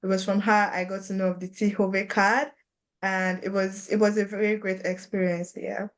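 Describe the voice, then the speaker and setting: A woman's voice: mid-range voice, level tone, normal speed. A woman giving a casual testimonial as a master's student on a panel.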